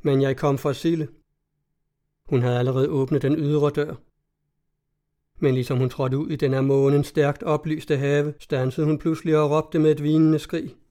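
A man narrating a classic story in a measured storytelling manner. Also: on the high side, level tone, warm tone. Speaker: audiobook narrator. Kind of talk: scripted narration of a classic tale.

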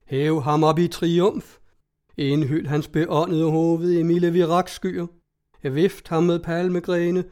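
A fickle ancient crowd proclaiming at the top of its voice, as a man reads it aloud. The voice sits a little high and stays mellow, fitting a storybook scene. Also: fairly even intonation, lightly acted. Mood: exultant.

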